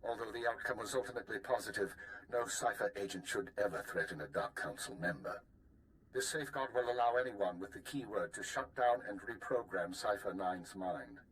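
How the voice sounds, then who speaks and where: A man playing a stern official who dictates a formal directive with measured authority in a video game. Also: fairly low pitch, a bit bright, slight background noise, lightly acted, poor audio.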